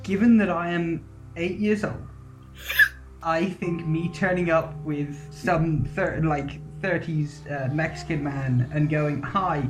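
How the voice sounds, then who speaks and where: A man's voice: fairly high pitch, fairly even intonation, slow, over music, poor audio. A man playing along in a gamebook, chatting casually and thinking aloud. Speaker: player. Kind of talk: casual chat.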